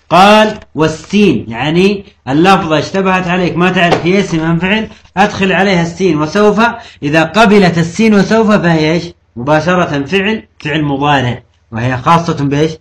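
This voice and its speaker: High-voiced man teaching grammar. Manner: asks the class questions and answers them himself; slows down to quote and stress examples. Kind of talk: classroom grammar lesson.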